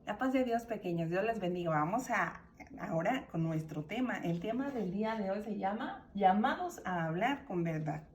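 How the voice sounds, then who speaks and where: A woman's voice: medium pitch, normal speed, recorded from a distance. A woman with a Mexican accent teaching a children's Sunday school lesson, telling a story and acting out the characters' cries. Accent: Mexican Spanish. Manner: animated, acts out the characters' cries.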